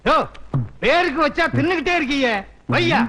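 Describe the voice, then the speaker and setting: An actor playing a bumbling village husband who cracks sarcastic jokes. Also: male voice, very high voice, moderate pace, pushed and bright. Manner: sarcastic wisecracking retorts. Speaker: comic lead.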